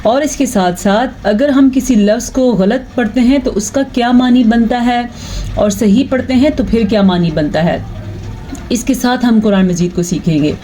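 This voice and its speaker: A woman teaching Quran recitation, explaining patiently and reciting verses in a slow chant. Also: a little high, mellow, low-quality recording. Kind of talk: online tajweed lesson.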